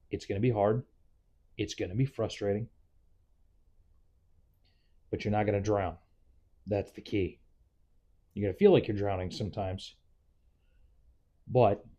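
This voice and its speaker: A man's voice: lowish voice, mellow, lo-fi sound. A man talking candidly in a casual, rambling, reflective vlog monologue, like a nurse giving advice to newcomers.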